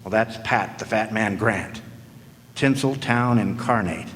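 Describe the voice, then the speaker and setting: On the low side and a touch bright, a man's voice moves at an unhurried pace as he plays a jaded, sardonic, wisecracking hard-boiled private eye, narrating in first person with slangy 1940s radio-noir flair. It's a live stage show in a hall, and the recording picks up echo and background noise.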